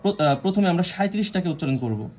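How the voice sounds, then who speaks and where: A young man from Bangladesh teaching a Korean language lesson, repeating key points, quizzing the listeners with questions and pausing on fillers and restarts. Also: sits high, expressive, a little mellow, a little hiss or hum. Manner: hesitant, frequent fillers and restarts. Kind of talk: explanatory lesson.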